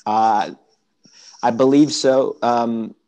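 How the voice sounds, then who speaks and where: A man's voice: mid-range voice, steady tone, a little mellow, dry recording. A man presenting committee details in an online members' meeting, talking casually with restarts and fillers. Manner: halting, with many restarts and fillers.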